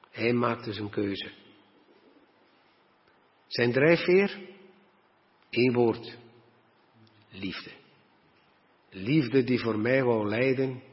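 Earnest preacher in a reverberant hall. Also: male voice, medium pitch. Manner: earnest, slows down to stress words. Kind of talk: sermon with scripture reading. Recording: dull sound with long hall reverb.

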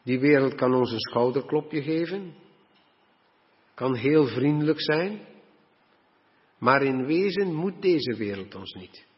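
Earnest preacher in a reverberant hall. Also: male voice, mid-range voice, expressive. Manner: earnest, slows down to stress words. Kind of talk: sermon with scripture reading. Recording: dull sound with long hall reverb.

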